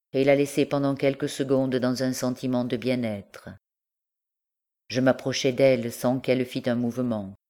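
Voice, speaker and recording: A woman narrating a classic novel as an audiobook, in a measured, unhurried way. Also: a bass voice, warm tone.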